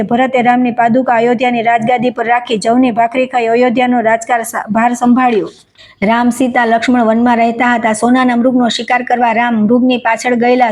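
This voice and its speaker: A woman with a Gujarati accent reciting a devotional scripture story in steady, even recitation. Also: a little high. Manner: steady recitation, even delivery, quoted dialogue read without acting.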